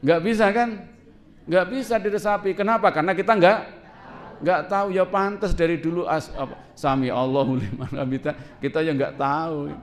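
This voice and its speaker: A man preaching to a congregation in a lively, conversational way, asking his listeners questions and laughing along with them. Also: sits high, moderate pace. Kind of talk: sermon to a congregation.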